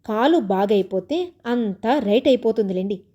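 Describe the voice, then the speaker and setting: A patient young wife, gentle and coaxing, read by a woman storyteller. Her voice is fairly high and soft-toned, with a mellow warmth. It belongs to a storybook. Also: animated, normal speed.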